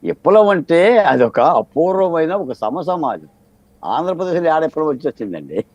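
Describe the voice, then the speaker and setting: A man's voice: a little high, big pitch swings, moderate pace, no room sound, dull audio. A man speaking as a political analyst in a televised debate, arguing his case with a stream of rhetorical questions. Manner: argumentative, fires rhetorical questions. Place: TV studio debate set.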